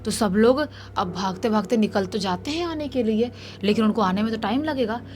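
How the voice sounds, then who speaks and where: Woman telling a ghost story, high voice. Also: normal speed, faint music behind. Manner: lively, animated retelling.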